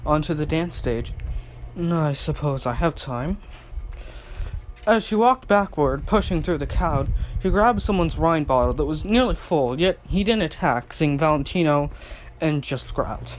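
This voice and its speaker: Man hurriedly reading a fan story aloud. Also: fairly high pitch. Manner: hurried reading with stumbles and restarts. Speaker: fanfic reader.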